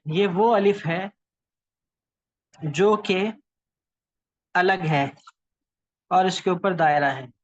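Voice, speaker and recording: A man teaching a class, explaining patiently and haltingly, with pauses and fillers. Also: sits high, dry recording, lo-fi sound. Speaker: calligraphy teacher.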